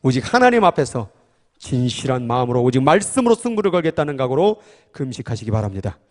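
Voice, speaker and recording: A man's voice: mid-range voice, big pitch swings, quick pace. A man preaching a sermon as pastor, fervent and emphatic, with filler-laden passionate delivery. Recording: long hall reverb.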